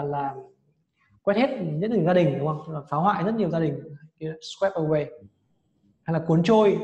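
A man teaching English vocabulary and correcting a student's pronunciation in a brisk, prompting way. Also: on the high side, a little mellow, muffled recording. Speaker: English tutor. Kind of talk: vocabulary lesson with drills. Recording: echoey room with long reverb.

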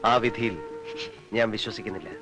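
A man's voice: on the low side, brisk, over music, natural voice. An actor playing a devoted young man in a film scene, pleading earnestly and tenderly. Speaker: film character. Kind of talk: 1990s film acting.

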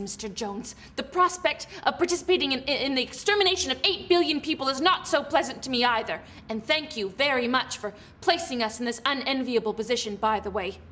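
Female actor as regime officer, film drama: icy, measured, commanding, slightly high voice, faint background noise. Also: a bit bright, close to an everyday voice. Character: stern, cold female officer in a dystopian regime. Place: bare brick room.

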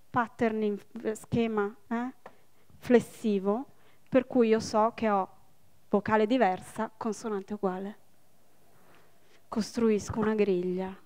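A woman in her forties, a linguist giving a public lecture, explaining step by step with quick asides to the audience. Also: medium pitch, darkish tone, smooth. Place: public library event hall.

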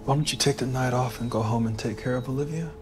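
An actor in his thirties playing a gentle, weary husband in a naturalistic film drama. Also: mid-range voice, fast, over music, close to an everyday voice. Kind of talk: naturalistic screen acting.

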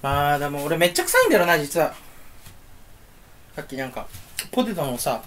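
A man's voice: on the high side, very animated, fairly quick, a bit bright, slight background noise. A young man chatting alone to the camera while standing in a room at home. He rambles, fools around and teases himself. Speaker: YouTuber. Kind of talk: solo casual chat to camera.

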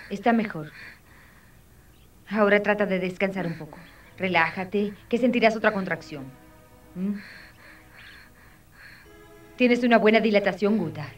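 A calm, motherly midwife. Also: mid-range voice, far from the mic. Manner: soothing, patient, firmly coaching. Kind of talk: dubbed telenovela acting.

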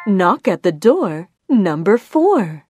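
A woman working as a bingo caller, announcing each call deliberately in short, separate phrases. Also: mid-range voice, very animated, a little mellow, husky. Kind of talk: bingo calling with rhyming nicknames, announced number by number. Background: music.

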